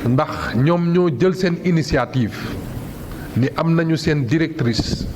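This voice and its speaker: A man's voice: fairly high pitch, lively intonation, slow pace. A Senegalese man giving a congratulatory speech. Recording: clear ambient noise behind live speech.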